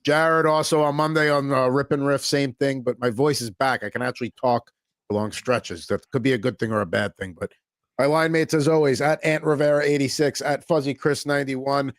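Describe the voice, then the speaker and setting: With a steady, mid-range voice and a brisk delivery, this American man runs a hockey podcast and keeps the chat laid-back. He rambles and leans heavily on fillers, and there is no echo.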